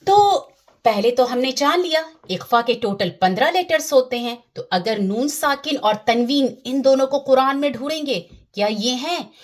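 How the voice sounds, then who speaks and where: A woman's voice: high voice, animated, moderate pace. A woman teaching Quran recitation in a patient lesson, often checking that her listeners follow and demonstrating the sounds herself.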